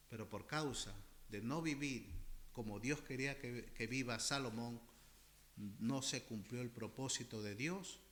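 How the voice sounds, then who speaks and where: A man preaching a sermon as pastor, impassioned, often calling his listeners brothers and repeating phrases for emphasis. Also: mid-range voice. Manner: repeats phrases for emphasis, swinging between loud and soft.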